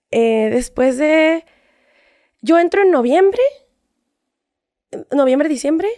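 Speaking as a guest in a laid-back interview, a young Mexican-accented woman with a high, slightly mellow voice chats through her stories. She performs the quoted lines as she tells them. The sound is close and dry, with no room sound.

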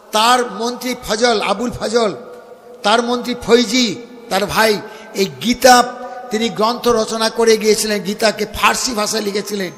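A man's voice: high voice, a bit bright. A man with a West Bengal accent giving a devotional sermon, preaching straight to his listeners and breaking into chanted verses. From India. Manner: preachy, addresses listeners as baba. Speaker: Bhagavat reciter. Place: gathering at a home, live audience. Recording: long reverb of a hall.

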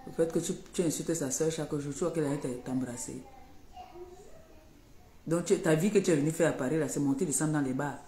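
A woman's voice: low-pitched, fairly quick, mellow. A woman ranting on her live stream to her followers, confrontational and threatening, repeating her warnings over and over. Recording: echoey room, faint background noise.

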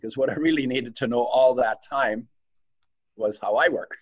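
Here a man in his seventies shares his life story as a guest, calling in by video from a study full of bookshelves. Raised in Poland with German spoken at home, he's reflective and laughs between sentences, his medium-pitched voice at normal speed on lo-fi audio without echo.

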